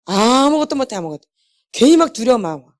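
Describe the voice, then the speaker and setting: A woman delivers a sermon at a healing meeting, her fairly high voice rising and falling with lively swings. She keeps repeating key phrases for emphasis and tosses questions to the congregation before answering them herself. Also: quick pace. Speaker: healing ministry lecturer.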